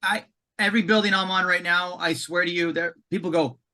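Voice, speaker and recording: A man talking as a guest on a podcast conversation, emphatic and animated, often repeating words as he goes. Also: sits high, a little fast. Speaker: commissioning consultant, podcast guest.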